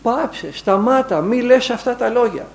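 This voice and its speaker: A man's voice: very high-pitched, lively intonation, slight background noise, voice pushed up. A man voicing a furious demon that shrieks repeated commands from inside a possessed monk. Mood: furious shrieking.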